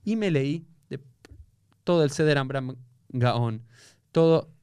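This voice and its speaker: A rabbi with an Argentine Spanish accent talks in a casual conversation, explaining things with animated restarts. His medium-pitched voice is smooth and slow, with no room sound.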